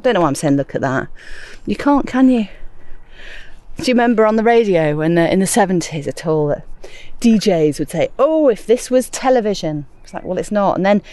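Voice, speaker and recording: A woman's voice: fairly low pitch, darkish tone. A middle-aged woman chatting casually to listeners while planting in her garden, a little out of breath. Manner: chatty, self-amused, talking to listeners while working. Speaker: gardening podcast host. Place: outdoors in a garden.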